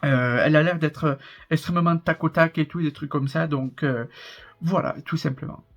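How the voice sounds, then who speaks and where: A man's voice: on the high side, fairly even intonation, moderate pace, vocal fry, muffled recording, soft background music. A man in his twenties with a southern French accent, chatting casually and rambling in a reaction commentary, laughing often. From southern France. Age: 20s. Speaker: reaction YouTuber.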